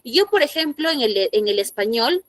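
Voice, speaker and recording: High-voiced teacher quizzing her class. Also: animated, moderate pace, a bit bright, dry recording. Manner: explanatory, asks the class questions. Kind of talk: classroom lesson to students.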